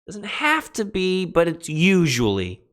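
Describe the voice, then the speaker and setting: Animated man lecturing on Greek grammar. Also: high-pitched. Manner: animated, emphatic teacher with quick asides. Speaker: Greek instructor. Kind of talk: recorded classroom lecture.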